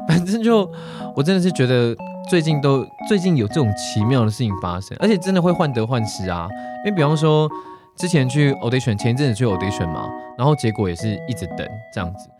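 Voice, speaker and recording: A man's voice: mid-range voice, big pitch swings, fast, over music. A young man, co-hosting a casual chat and telling stories with frequent laughs. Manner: chatty storyteller, laughs often. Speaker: podcast co-host.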